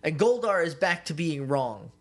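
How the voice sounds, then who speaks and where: A man co-hosting a podcast recaps a TV episode in easygoing, rambling chat. His voice sits a little high for a man, and he jokes his way through the plot, now and then acting out a line. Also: very animated, normal speed, a bit bright. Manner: rambling, joking, acts out bits. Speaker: podcast co-host.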